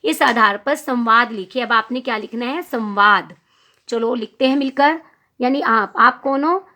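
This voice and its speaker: A young woman with a high voice teaches a Hindi grammar lesson. She asks the class a question and then answers it herself. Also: unhurried, pushed and bright.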